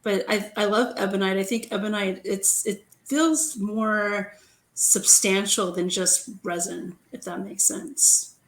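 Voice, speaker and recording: A woman's voice: mid-range voice, measured pace. A woman guest on a casual live-streamed chat over a video call, talking in an enthusiastic, gushing way.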